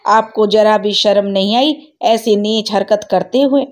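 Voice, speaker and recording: A woman storyteller voicing a furious, grieving young husband who shouts accusations at his mother. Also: medium pitch, lightly acted. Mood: angry. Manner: shouting, accusing, fast bursts.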